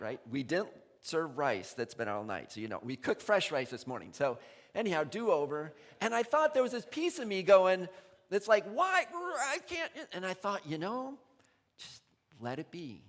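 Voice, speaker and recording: A male pastor giving a sermon in a conversational, animated way, laughing often. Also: on the high side, moderate pace. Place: church sanctuary. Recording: long reverb in a large hall.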